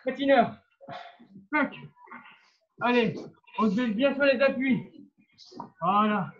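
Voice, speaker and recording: A man's voice: very high-pitched, slow pace. A man coaching a live workout class like a barking gym coach, urging people on with short commands and countdowns. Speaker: fitness coach leading a live cardio workout. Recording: dull lo-fi live stream sound.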